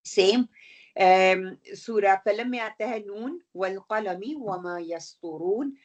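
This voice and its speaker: A woman teaching Quran recitation rules in an online lesson, explaining patiently, checking in with her students, and slowly reciting example verses. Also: medium pitch. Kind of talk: online tajweed lesson, mixing Urdu and English.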